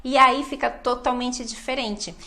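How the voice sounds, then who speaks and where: A woman's voice: on the high side, steady tone, unhurried, pushed and bright. A Brazilian woman with a Brazilian Portuguese accent, teaching a pronunciation lesson and repeating words with exaggerated stress to show where the emphasis falls. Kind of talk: language lesson.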